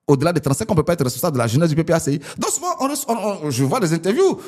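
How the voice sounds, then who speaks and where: A man in his forties from Ivory Coast, a politician arguing his points as a guest in an interview. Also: rapid-fire. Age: 40s. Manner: animated, rising pitch when arguing.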